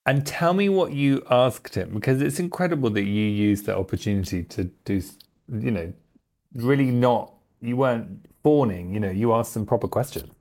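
A man's voice: medium pitch, normal speed, a little mellow. A man hosting a podcast interview, giving short encouraging replies and asking questions. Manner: brief encouraging backchannels. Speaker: podcast host.

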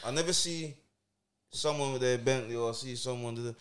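A man's voice: medium pitch, brisk, a loud crowd. A young man with a London roadman accent, chatting casually with slang and repeated short phrases. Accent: London roadman, Multicultural London English. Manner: slangy, repeats agreement words. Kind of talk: casual group chat.

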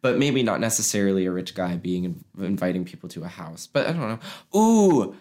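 A woman's voice: rumbling low, big pitch swings, fairly quick, mellow. A woman co-hosting a podcast, chatting casually, laughing often and trailing off with fillers. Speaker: podcast co-host. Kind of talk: casual chat.

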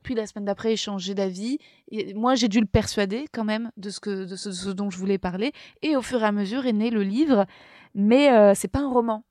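A woman's voice: mid-range voice, fairly quick, dark tone, no room sound, studio quality. A woman guest on a podcast tells her story casually, rambling and self-deprecating, with many hesitations. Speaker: podcast guest, first-time author.

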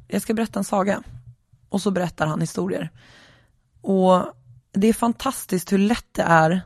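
Solo podcast host, tired, gravelly voice, rambling with pauses, dry close sound. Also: mid-range voice, no echo. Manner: reflective, rambling, many hesitations. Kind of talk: casual solo podcast monologue. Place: lying in bed, alone.

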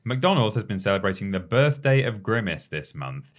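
Male co-host, low and animated, reads and comments casually. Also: moderate pace. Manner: reads news aloud with asides. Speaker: podcast co-host. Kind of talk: casual chat.

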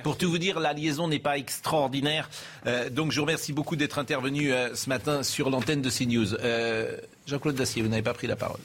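A man hosting a TV talk show, moderating guests and explaining terms in a measured way. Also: medium pitch, steady tone, fairly bright tone, slight background noise. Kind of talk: studio debate moderation.

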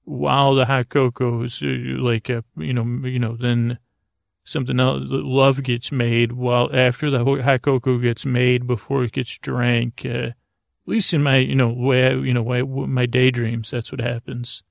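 Speaking in a flat, mid-range, creaky voice, the podcast host wanders through a halting bedtime monologue packed with whimsical tangents. The sound has no echo.

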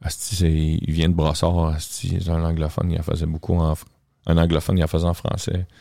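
A man's voice: extremely low pitch, monotone, a little fast, vocal fry, dark tone, no room sound, clean studio sound. A man with a Quebec French accent, a comedian guest on a casual podcast, telling stories animatedly and swearing casually.

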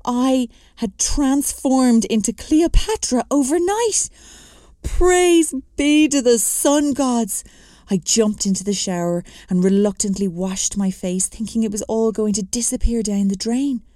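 A woman's voice: fairly high pitch, a little slow, few pauses, warm tone, dry recording, studio quality. A woman reading a memoir aloud with wry, self-mocking comic timing. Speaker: narrator.

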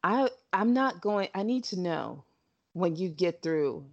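A woman co-hosting a casual podcast over a call, chatting with a lively, swooping voice and a slightly husky tone. She laughs often and throws in quick asides. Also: on the low side, highs cut off. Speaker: podcast co-host. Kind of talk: casual chat.

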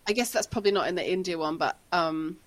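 A woman's voice: fairly low pitch, fast talker. A woman chatting casually as a podcast co-host. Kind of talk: casual chat.

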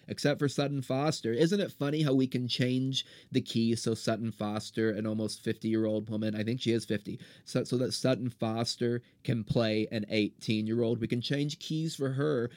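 A male podcast host on a fired-up solo rant, blunt and profane, tripping over and restarting words as he goes. His voice sits at an ordinary middle pitch. It is recorded dry and close, with almost no room sound. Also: normal speed, a little mellow, dry recording.

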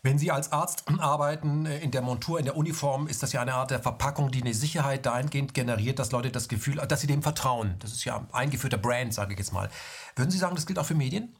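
A man's voice: mid-range voice, quick pace, husky. A man interviewing a doctor, asking probing, thoughtful questions.

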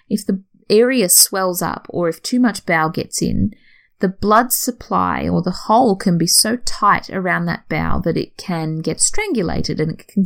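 Woman host, lower voice with some fry, chatty and explanatory, lesson-style delivery. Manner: explanatory, conversational, self-correcting. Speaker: podcast host. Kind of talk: educational talk.

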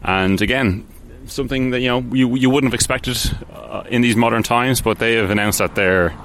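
A man's voice: mid-range voice, moderate pace, fairly bright tone, a little hiss or hum. A man hosting a casual solo podcast, rambling along with many ums, restarts and offhand, self-deprecating asides. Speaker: podcast host.

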